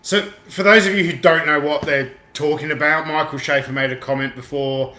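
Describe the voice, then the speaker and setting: This toy auctioneer and livestream host, a man from the UK, chats away in an echoey home room in Australia, laughing easily as he reads out viewer comments. He speaks fairly quickly in a slightly high, steady voice that sounds pushed and bright.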